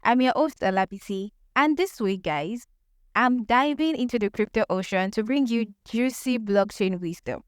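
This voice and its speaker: Smooth-voiced upbeat woman podcast host. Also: on the high side, normal speed, no echo, studio quality. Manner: upbeat and enthusiastic. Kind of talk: scripted podcast intro and interview.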